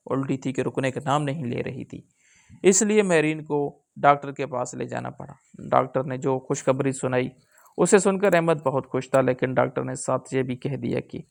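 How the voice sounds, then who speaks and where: A male storyteller narrating a family drama in a steady, even manner. His voice is gravelly yet smooth and resonant, sitting at a middle pitch.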